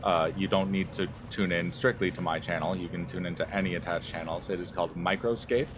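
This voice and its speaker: A man's voice: low-pitched, fairly even intonation, fairly quick. A young man giving casual gameplay commentary as a streamer, rambling with lots of fillers. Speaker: streamer playing a game. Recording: commentary over loud game music.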